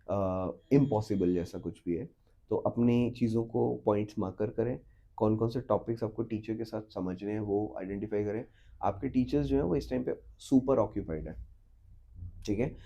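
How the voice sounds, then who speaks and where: Male teacher, earnest and direct, dark timbre, muffled podcast sound. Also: mid-range voice, vocal fry. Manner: earnest, mixes English phrases into Hindi, repeats "trust me". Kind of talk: advice in a podcast interview.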